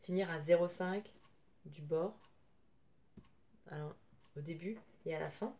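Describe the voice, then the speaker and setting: A woman hosting a casual sewing tutorial, her voice thick and odd from tonsillitis, hesitant and often clearing her throat, recorded on a camera without a separate microphone. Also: lowish voice, measured pace, dark tone. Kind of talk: casual spoken craft tutorial. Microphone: camera's built-in microphone at a distance. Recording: noisy room sound without microphone.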